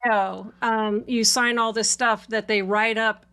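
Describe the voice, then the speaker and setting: A woman's voice: a little high, steady tone, a little slow, sharp tone, smooth. A middle-aged woman from Washington State, hosting and chatting casually about her past with frequent laughs and fillers. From Washington State, USA. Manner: chatty, laughs while telling the story, many fillers. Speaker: channel host. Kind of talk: casual conversational storytelling.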